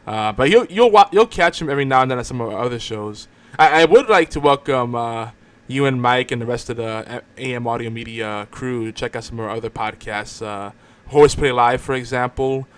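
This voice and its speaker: In a clean, mid-range voice and at a fairly quick clip, a man hosts a casual podcast on a live online show. He banters loosely, repeating words and starting over.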